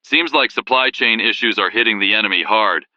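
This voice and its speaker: A man's voice: fairly low pitch, fairly quick, sharp tone, dry recording, dull audio. A man playing a military news anchor, delivering a scripted wartime broadcast in a grave, rallying manner. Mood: serious, inquiring. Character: rousing male military war-bulletin anchor in sci-fi world. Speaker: bulletin host. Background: prominent background music.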